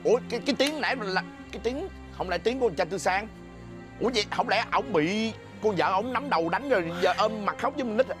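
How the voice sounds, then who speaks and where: A man's voice: high-pitched, expressive, fast talker, music in the background. A man with a Southern Vietnamese accent playing a blustering, stammering husband in a comedy skit.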